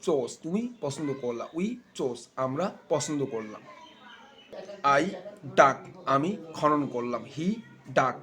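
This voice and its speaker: A man teaching an English tense lesson, slowly and deliberately repeating verb forms for the learners. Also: mid-range voice, a bit bright. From Bangladesh. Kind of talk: spoken English lesson with drill repetition.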